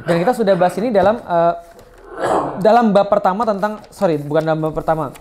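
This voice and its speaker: Fast-talking, joking male preacher. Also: sits high, darkish tone. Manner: casual, joking, keeps adding tag questions. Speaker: Islamic preacher. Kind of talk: religious study lecture.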